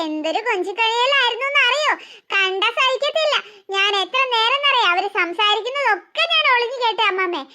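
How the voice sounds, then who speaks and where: A woman's voice: very high-pitched, pushed and bright, slight background noise, exaggerated voice. A sly tattling cartoon girl. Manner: whiny, tattling.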